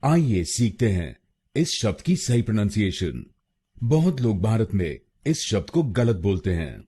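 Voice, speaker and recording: A man from India with an Indian accent, giving a scripted pronunciation lesson and breaking words into syllables slowly and carefully. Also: fairly low pitch, big pitch swings, mellow, breathy edge. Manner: slow, careful syllable-by-syllable delivery. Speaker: pronunciation teacher.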